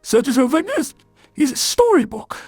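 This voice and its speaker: Casting note: a voice changer as a swaggering young dude, lively and cocky. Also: male voice, very high-pitched, moderate pace, no echo, soft background music, pitched above the performer's own voice. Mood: storytelling. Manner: cocky, slangy banter. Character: swaggering young man, street slang. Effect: AI voice changer output.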